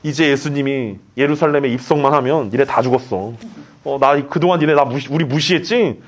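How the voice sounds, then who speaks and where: A man's voice: mid-range voice, fairly quick, voice pushed down, lightly acted. A pastor acting out a group of resentful male followers, boastful and grudging.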